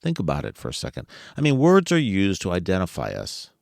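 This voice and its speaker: A man's voice: low-pitched, huge pitch swings, a little fast, creaky, darkish tone, no room sound, studio quality. A man hosting a podcast, talking casually to listeners, asking them rhetorical questions and chuckling as he goes. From United States. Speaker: podcast host.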